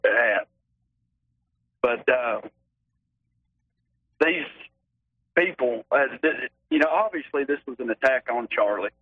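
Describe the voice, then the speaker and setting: A man with a thick Arkansas accent giving his earnest opinion as a caller on a talk radio show, in a folksy, halting way. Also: mid-range voice, a little hiss or hum. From Arkansas, United States. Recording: narrow tinny phone line.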